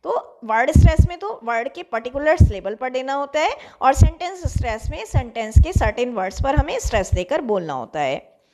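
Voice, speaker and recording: High-voiced woman giving a lecture. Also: sing-song, a little mellow. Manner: repeats and rephrases definitions, reads English lines slowly. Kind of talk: classroom lecture mixing Hindi and English.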